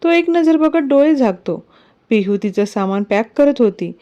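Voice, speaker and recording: A woman narrating a romantic story in an even storytelling manner. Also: high-pitched, moderate pace. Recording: dull lo-fi recording.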